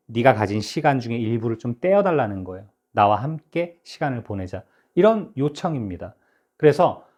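Lively male English teacher. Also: on the high side. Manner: lively, says English examples slowly and carefully; stumbles and restarts now and then. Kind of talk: spoken English lesson.

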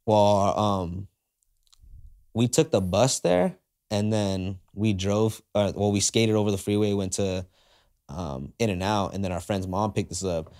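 A man's voice: fairly low pitch, a little slow, darkish tone. A young man from Southern California, a skateboarder guest, telling casual stories and acting out quoted dialogue with animation, talking into a podcast mic in a garage studio. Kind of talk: casual storytelling. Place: cluttered garage studio, indoors. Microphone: podcast mic on boom arm.

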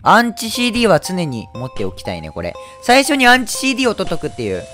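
A man with a hoarse, worn-out voice giving loud, excitable let's-play commentary as a game streamer, with frequent shouted reactions. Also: sits high, fast, faint music behind. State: hoarse throat.

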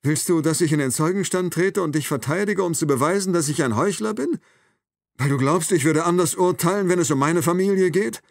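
A man's voice: on the high side, brisk, creaky, no room sound, clean studio sound, pitched above the performer's own voice. A man reading an audiobook, voicing a frightened captive male doctor with a trembling, thin voice, out of breath. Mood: agitated. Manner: pleading, then bursts out angrily.

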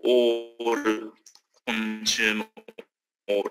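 A man's voice: lowish voice, completely flat delivery, over music. A man on a conference call whose audio keeps cutting out into glitchy fragments, in a technical meeting discussion. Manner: halting, fragmented, words drop out mid-sentence. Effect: choppy, glitchy call audio cutting out. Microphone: remote call audio. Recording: noisy, glitchy internet call line.

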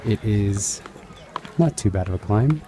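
A travel editor narrating a vlog outdoors at ancient ruins, chatty with many fillers, recording on a handheld camera. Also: male voice, lowish voice, animated, a little slow. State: out of breath while climbing. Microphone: handheld camera while climbing. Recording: outdoor crowd noise behind.

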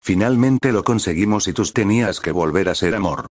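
A man's voice: low-pitched, a little fast, no echo. A man voicing the impatient, lustful female spirit side of a girl, grumbling, in a read-aloud fan story. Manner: grumbling, complaining.

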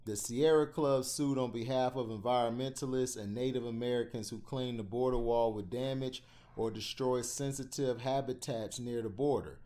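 A man's voice: steady tone, moderate pace. Man reading a news piece aloud. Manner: stumbles and corrects himself while reading; gets louder and higher when he starts giving his own opinion. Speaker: channel host reading news. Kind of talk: reading a news article aloud, then ranting.

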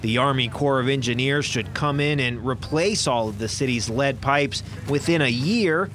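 A young man reporting from the field as a news reporter, with a measured, formal delivery. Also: mid-range voice, fairly bright tone, a little hiss or hum.

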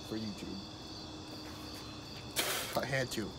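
Low-voiced young man, mouth burning, noisy backyard. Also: vocal fry. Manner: halting, repetitive, groaning. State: mouth burning from hot peppers, coughing. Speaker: vlogger doing a pepper-eating challenge. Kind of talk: casual chat to camera. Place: outdoors in a backyard. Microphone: camera mic a short distance away. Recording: noisy outdoor camera audio, insects. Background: crickets and outdoor ambience.

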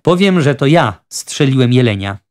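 A man's voice: medium pitch, expressive, normal speed, lightly acted. A man voicing a proud, reserved young hunter who speaks firmly but politely. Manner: firm but polite, curt.

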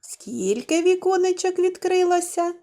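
A woman's voice: very high-pitched, lively intonation, unhurried, warm tone. A woman teaching young children, drawing out words in a sing-song way and asking them questions. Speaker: kindergarten teacher. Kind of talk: slow, clearly enunciated lesson for young children.

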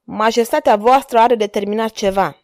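A woman's voice: fairly high pitch, darkish tone, dry recording, clean studio sound, lightly acted. A woman voicing a grave, stern veteran musketeer captain in a storybook reading. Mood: solemn. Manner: grave and solemn.

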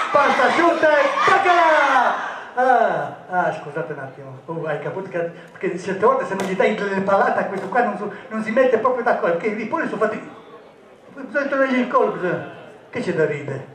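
A man's voice: high-pitched, a bit bright, slight background noise. A man performing as a stage magician, giving jokey, teasing patter to volunteers in a live comic magic show. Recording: echoey, distant stage recording.

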